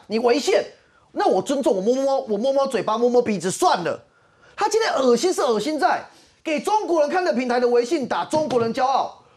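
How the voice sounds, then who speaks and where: A woman arguing as a panel commentator on a political talk show, heated and mocking, firing rhetorical questions. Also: sits high. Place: TV studio.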